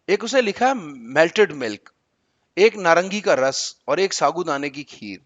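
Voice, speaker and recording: A man's voice: on the high side, lively intonation, no room sound, highs cut off. A male teacher reading a textbook chapter aloud and patiently explaining words to his students.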